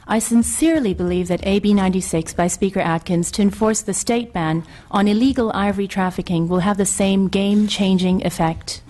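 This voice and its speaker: A woman's voice: mid-range voice, brisk, few pauses, dark tone. Earnest middle-aged woman reading formal testimony. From Hong Kong. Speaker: witness testifying at a legislative committee.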